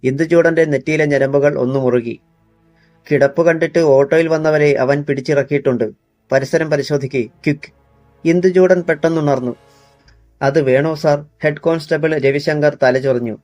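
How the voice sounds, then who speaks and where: A man narrates a crime thriller with tense, dramatic pacing. His voice sits a little high for a man and the recording is dry and close. Faint background music runs under the reading. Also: darkish tone, dry recording. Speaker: audiobook narrator.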